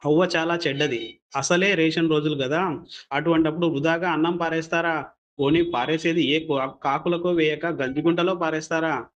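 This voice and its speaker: A man's voice: on the high side, moderate pace, dull audio. Man narrating a folk tale. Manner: steady, plain storytelling. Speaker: storyteller. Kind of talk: scripted narration.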